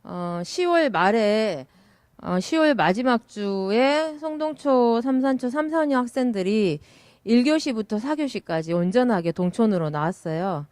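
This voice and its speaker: Middle-aged woman, smooth voice, dry close sound, reflective event speech with fillers. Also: fairly high pitch, animated, a little slow, dry recording. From South Korea. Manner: warm and reflective, with many "uh" fillers. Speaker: village education researcher.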